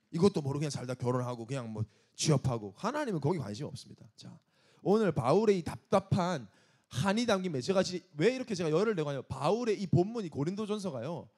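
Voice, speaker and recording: Fiery high-voiced Korean pastor preaching. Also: male voice, a little mellow, husky. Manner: emphatic, scolding, rhetorical questions. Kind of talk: sermon to a young adult service.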